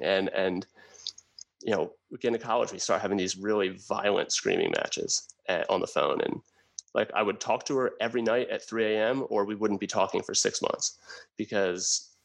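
Low gravelly man telling his story. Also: rough recording. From New Jersey, USA. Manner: earnest, halting, with frequent restarts. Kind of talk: candid personal storytelling.

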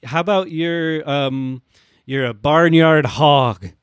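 Hesitant man pitching silly ideas. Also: slow pace, clear, resonant tone, dry recording, studio quality. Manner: hesitant, full of fillers and restarts while pitching ideas. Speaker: podcast co-host. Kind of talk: casual comedic chat.

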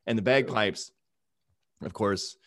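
A man's voice: lowish voice, takes it slowly, fairly bright tone, dry recording. A man hosting a podcast interview, talking enthusiastically and rambling as he tells stories from his home. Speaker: podcast host. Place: home in Hawaii.

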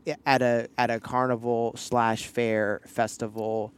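A man's voice: medium pitch, level tone, a little slow, clean tone. A man co-hosting a casual podcast, playfully teasing and telling stories with acted-out quotes. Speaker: podcast co-host. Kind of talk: casual chat.

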